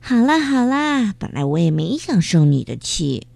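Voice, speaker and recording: A woman's voice: on the low side, very animated, normal speed, creaky, dark tone, slightly rough, no room sound, exaggerated voice. A woman playing a teasing little bug girl. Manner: playful, teasing. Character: teasing little female insect friend.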